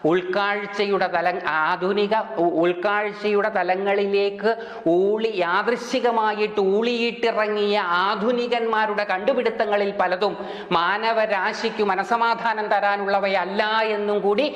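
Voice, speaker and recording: Older man with a Kerala Malayalam accent, spiritual orator, deliberate pauses, high-ish voice, roomy echo. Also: little pitch movement, a bit bright, dull audio. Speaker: spiritual speaker. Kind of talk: religious discourse. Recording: echoey hall.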